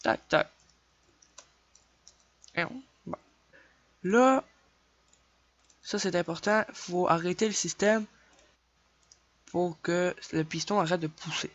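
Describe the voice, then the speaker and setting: A young man with a Québécois French accent, chatting casually through a game tutorial, counting his clicks aloud and apologizing quickly for slips. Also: high voice, fairly bright tone. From Quebec. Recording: dull lo-fi dry home mic.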